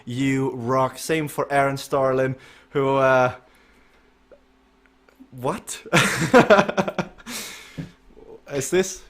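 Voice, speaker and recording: A man hosting and commentating a virtual cycling race, building excitement toward the finish and chatting with riders. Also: mid-range voice, very slow, long pauses. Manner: excitable, rising to shouts at the finish. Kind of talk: live esports cycling commentary.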